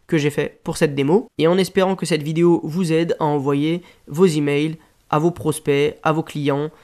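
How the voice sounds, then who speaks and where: Casual French tutorial guy, slightly high voice, chatty and full of fillers. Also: steady tone, normal speed, a little mellow. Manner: casual, rambling explanations with frequent fillers. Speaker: WordPress tutorial host. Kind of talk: screen-share tutorial.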